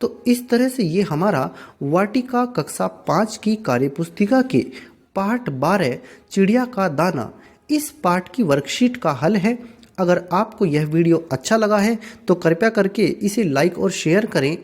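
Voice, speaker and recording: Patient teacher voice for a workbook walkthrough, asks and answers own questions, mid pitch. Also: lively intonation, unhurried, darkish tone. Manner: repeats and rephrases to explain. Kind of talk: step-by-step workbook lesson.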